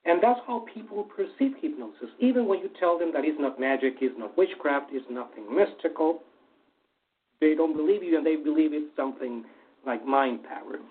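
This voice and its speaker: A man's voice: fairly high pitch, lively intonation, normal speed. A man, a former stage hypnotist turned hypnotherapist, answering interview questions with many fillers and restarts. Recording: tinny phone-like line.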